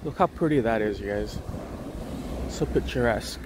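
This young travel vlogger's voice runs on the low side as he ambles around a beach resort at a moderate pace, narrating casually into a gimbal-held phone. His commentary rambles with many fillers and restarts, and there's background noise.

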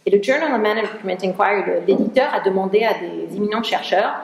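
A woman's voice: mid-range voice, fast, gravelly. A woman researcher giving a conference talk in a lecture hall. She often searches for words and restarts her sentences. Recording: roomy hall sound.

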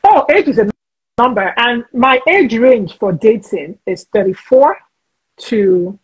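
Forties woman hosting over video call, chatty and blunt, raspy breathy voice. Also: a little high, animated, slow, muffled recording. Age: 40s. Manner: chatty, frank, talks over herself with restarts. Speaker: host. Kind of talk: casual video-call interview.

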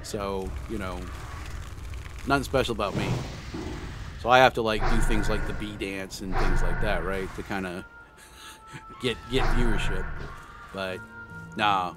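A man with a fairly low voice chats loosely with his stream audience while he plays. He rambles, restarting sentences and filling gaps with "uh". Game music plays clearly underneath him. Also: steady tone, measured pace, pauses often. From United States. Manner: rambling, chatty, many fillers and restarts. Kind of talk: casual live-stream chat while gaming.

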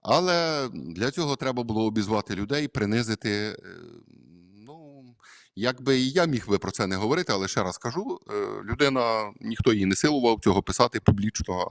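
Man, priest. Homily delivered as casual talk, lots of "uh"s, low voice. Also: dry recording, studio quality. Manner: conversational, hesitant with many fillers.

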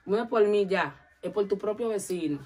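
A woman's voice: mid-range voice, normal speed, breathy edge, faint music behind. A woman telling a long story in a casual interview, acting out the voices of the people in it. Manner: animated, acts out quoted voices.

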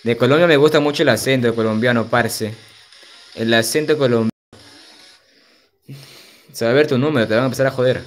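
A young man's mid-range voice comes a little fast, broken by long pauses, as he plays a game on stream and chats loosely with viewers. He uses slang, reads chat aloud and often laughs; faint music and slight background noise are audible.

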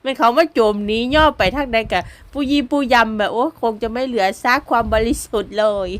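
A woman with an Isan Thai accent, a stay-at-home mother narrating her vlog as a casual voice-over, chatty and quick to laugh, often speaking straight to the viewers. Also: medium pitch. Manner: chatty, keeps addressing viewers directly; laughs easily between remarks.

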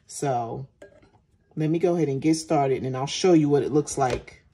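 Female maker-host, deep and soft-edged, talking casually through handiwork at an easy pace. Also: normal speed, a little hiss or hum. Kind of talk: casual narration while demonstrating. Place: indoors at home, at a work table.

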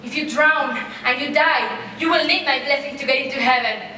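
A woman's voice: high-pitched, normal speed, sharp tone. A woman playing an overbearing, scolding mother in a comic stage play, theatrical and emphatic. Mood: bossy. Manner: bossy, theatrical, emphatic repetition. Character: overbearing, scolding, dramatic mother of grown children. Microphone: far camera. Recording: very echoey theater stage, distant mic, faint noise.

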